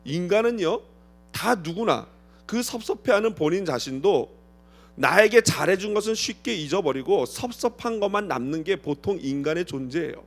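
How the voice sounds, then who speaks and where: A male pastor preaching an expository sermon, posing rhetorical questions to the congregation and acting out quoted voices with sudden swings in loudness. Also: sits high, expressive, normal speed, gravelly, faint music behind.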